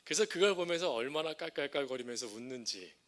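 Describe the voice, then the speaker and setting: Middle-aged male pastor from Chungcheong, bright, forward tone, preaches with jokes and questions to the pews. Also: mid-range voice, lively intonation, fast talker. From Chungcheong region, South Korea. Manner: humorous storytelling, asks the congregation questions. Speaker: senior pastor. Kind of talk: sermon.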